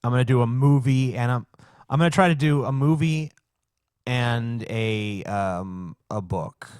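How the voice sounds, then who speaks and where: A man's voice: mid-range voice, unhurried, darkish tone, smooth, no echo, clean studio sound. A man co-hosting a podcast, chatting casually with blunt opinions and swearing. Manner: blunt, profane. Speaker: podcast co-host.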